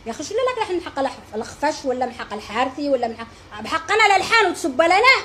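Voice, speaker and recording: A woman scolds and insults the host in a high, quick voice. Her message comes through with a faint noise behind it. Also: very animated, a bit bright. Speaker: voice-message caller.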